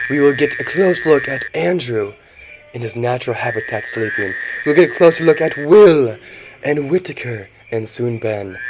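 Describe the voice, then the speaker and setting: A man's voice: mid-range voice, background noise. A young man co-narrating a parody nature documentary in a grandiose, mock-serious manner. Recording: music playing underneath.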